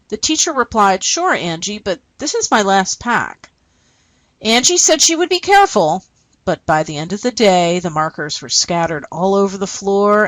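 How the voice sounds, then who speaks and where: A woman's voice: mid-range voice, a bit bright, no room sound, rough recording. A woman teacher explaining a lesson and reading short stories aloud, often checking in with "okay?". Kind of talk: recorded classroom lesson.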